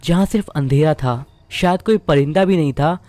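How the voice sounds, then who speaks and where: A man narrating a scripted horror story in a measured, suspenseful way. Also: fairly high pitch, darkish tone, no room sound.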